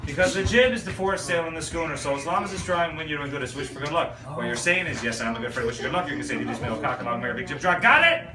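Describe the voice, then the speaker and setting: Teasing Newfoundland host in an echoey room. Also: male voice, a little high, lively intonation, rapid-fire, few pauses. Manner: teasing, playful, drills the crowd. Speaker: host teaching visitors local sayings. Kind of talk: joking audience call-and-response lesson. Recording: echoey room from far off with loud noise.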